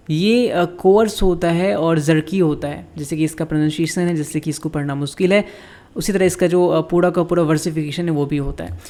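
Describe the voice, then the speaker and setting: A man teaching English literature, reading lines slowly in English and then explaining them in Hindi with frequent filler sounds. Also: fairly high pitch, gravelly, darkish tone.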